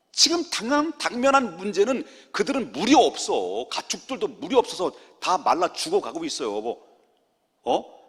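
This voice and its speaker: A middle-aged man, a senior pastor, preaching a lively sermon and joking with his congregation. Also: a little high, breathy edge. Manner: animated, jokes with the congregation, acts out quotes. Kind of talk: lively Friday prayer-meeting sermon. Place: church sanctuary. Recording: long church hall reverb.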